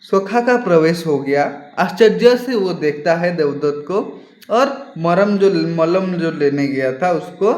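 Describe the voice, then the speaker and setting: Animated man teaching children. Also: sits high, slow. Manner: animated, acts out lines, asks questions. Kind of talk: explaining a textbook play to children. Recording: echoey room.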